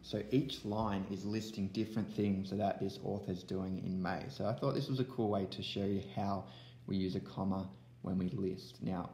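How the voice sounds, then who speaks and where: Young guy teacher on a webcam, lowish gravelly voice, bit of room echo, talks kids through it step by step. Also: a little hiss or hum. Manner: relaxed, explaining step by step to young pupils. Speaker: primary school teacher. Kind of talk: recorded online lesson. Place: room at home. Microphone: laptop webcam.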